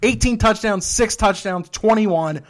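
A man's voice: sits high, measured pace. A man co-hosting a casual sports podcast, combative and joking, swearing casually. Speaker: podcast co-host.

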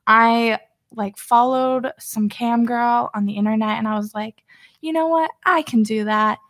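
Young woman from pennsylvania, slow talker, kinda high voice, lots of "like". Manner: giggly, says "like" a lot. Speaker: guest. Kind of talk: casual chat.

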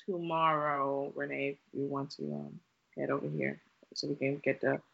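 A woman's voice: very deep voice, flat delivery, normal speed, vocal fry, narrow, tinny audio. A woman co-hosting a podcast, chatting casually in a blunt, teasing way. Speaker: podcast co-host. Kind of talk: casual banter.

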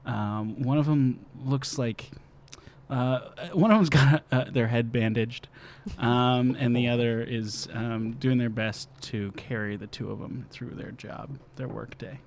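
A man narrating scenes in an improv comedy podcast, halting with many fillers. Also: mid-range voice, steady tone, a little mellow, a little hiss or hum.

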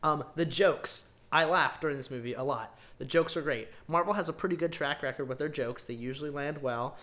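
A man's voice: a little high, fairly quick, sharp tone. A man co-hosting a podcast, giving a casual, rambling movie review full of ums and emphatic verdicts. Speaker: podcast co-host.

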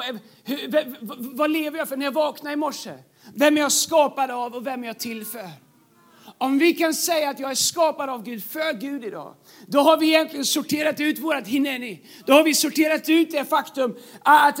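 A man's voice: extremely high pitch, fairly bright tone. A man preaching a sermon as pastor, emphatic and repeating key phrases, joking with the congregation in a church.

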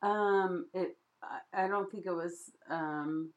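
A woman with a notably low voice co-hosts a relaxed podcast chat. She talks in a playful, giggly way, full of "like" and "you know". She laughs easily. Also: slow, lo-fi sound. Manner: giggly, playful, chatty with many fillers. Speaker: podcast co-host. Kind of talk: casual chat.

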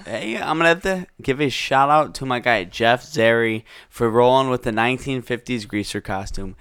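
A young man chatting casually as a co-host, his voice smooth and clear. He rambles a little and stretches his asides out. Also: mid-range voice, normal speed, a bit bright, no echo, clean studio sound. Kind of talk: casual chat.

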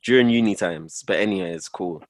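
A man's voice: low voice, brisk, dry recording. A man in his twenties with a London accent and roadman slang, chatting casually among friends. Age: 20s. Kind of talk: casual group chat.

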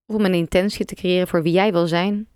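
A woman with a clear, resonant, somewhat low voice guides listeners through meditation. Her delivery is soft and calm, brief phrases spaced by lengthy pauses, and the recording is close and dry with very little room sound.

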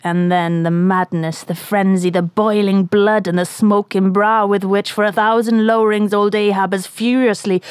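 A woman's voice: mid-range voice, darkish tone, dry recording, studio quality, natural voice. A woman voicing a weary, obsessed old whaling captain in anguished, archaic soliloquy for an audiobook. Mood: bitter regret. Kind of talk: dramatic audiobook reading.

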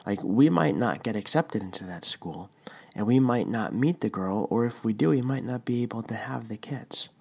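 A man's voice: medium pitch, lively intonation, normal speed, vocal fry, darkish tone, slightly rough. A man in his thirties hosting a devotional podcast, whispering as he casually talks through his own blog post and often checks in with the listener. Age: 30s. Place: at home, partner asleep next room.

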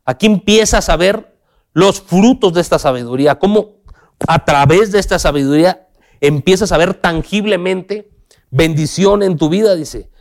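A man preaching a sermon, speaking straight to the listener with questions, dropping to soft low lines and then lifting into raised, emphatic passages. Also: normal speed.

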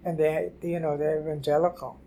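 An older woman from New City, telling her life story haltingly in an oral history interview. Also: sits low, flat delivery, dark tone, a little hiss or hum. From New York City. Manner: halting, repeats and restarts phrases. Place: library office.

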